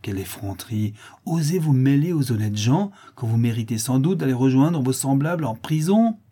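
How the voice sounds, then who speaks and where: A man's voice: on the low side, normal speed, mellow, slightly rough. A man voicing a proud farm mistress and mother, exclaiming in indignation, for a storybook reading. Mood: indignant.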